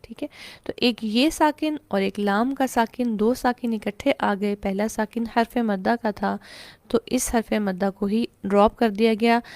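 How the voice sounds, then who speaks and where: Higher-voiced Pakistani woman teaching tajweed. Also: darkish tone, no echo. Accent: Pakistani Urdu. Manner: explains step by step, asks and answers her own questions, recites verses slowly. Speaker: Quran recitation teacher. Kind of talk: online tajweed lesson.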